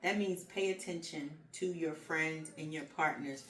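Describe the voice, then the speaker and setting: A woman co-hosting a casual advice chat, speaking earnestly and pausing on fillers as she makes her points. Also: sits low, fairly bright tone. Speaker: podcast co-host. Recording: echoey room, mic at a distance, faint noise.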